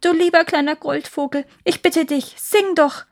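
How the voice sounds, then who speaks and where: A woman voicing a terrified, dying old emperor who pleads in a high, desperate voice. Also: fairly even intonation, normal speed, a little mellow. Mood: pleading.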